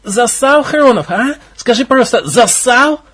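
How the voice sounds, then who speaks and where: Man voicing a mocking young guy, sarcastic, teasing, husky. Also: extremely high pitch, expressive, moderate pace, pitched above the performer's own voice, heavily acted. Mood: taunting. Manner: taunting, sneering. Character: sarcastic young man hiding under the floor.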